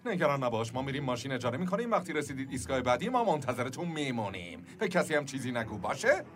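A man's voice: mid-range voice, big pitch swings, a bit bright, soft background music. A man dubbing a frantic, flustered father. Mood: urgent. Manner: frantic, exasperated. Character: flustered, panicky middle-aged father. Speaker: father of young children. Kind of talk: Persian film dub.

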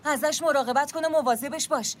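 A woman dubbing a brisk, commanding friend of the family into Persian. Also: high voice, slight background noise, natural voice. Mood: relieved. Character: bossy, distrustful woman friend. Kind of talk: Persian film dub.

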